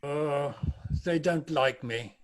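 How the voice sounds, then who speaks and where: A man playing an anxious, questioning old miser Scrooge in a dramatic table read, with a husky voice. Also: fairly high pitch, takes it slowly. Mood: troubled. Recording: remote video-call recording.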